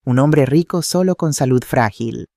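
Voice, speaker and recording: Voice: medium pitch, unhurried, vocal fry, mellow, no echo, studio quality. A storyteller voicing a scheming young woman who speaks with thinly veiled venom. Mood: sneering. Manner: mocking, accusing.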